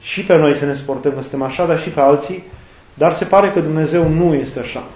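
A priest giving a sermon, slow and reflective, listing words one by one. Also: male voice, on the high side, darkish tone. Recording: echoey, dull lo-fi sound.

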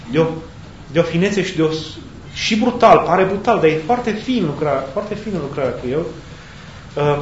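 Man preaching a sermon in an echoey room. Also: fairly high pitch. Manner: thoughtful, searching for words with pauses and restarts. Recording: echoey, dull sound with faint background hiss.

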